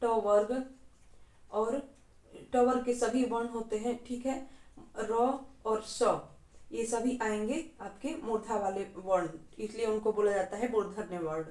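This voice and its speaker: A woman's voice: a little high, steady tone, unhurried, darkish tone, roomy sound. A woman from Bihar, India, teaching an exam-prep lesson patiently and step by step, often checking in with the class. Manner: patient, step by step, often says "theek hai".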